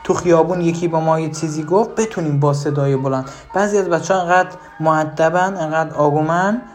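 Emphatic parenting advisor, medium pitch. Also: soft background music. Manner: addresses listener directly with rhetorical questions. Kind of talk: direct-to-camera parenting advice.

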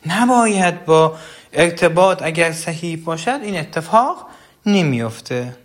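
Male speaker with a somewhat high voice, earnest teacher of parents, explains patiently with examples. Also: lively intonation. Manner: earnest, explains with everyday examples and direct address. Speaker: parenting educator. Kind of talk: explanatory talk.

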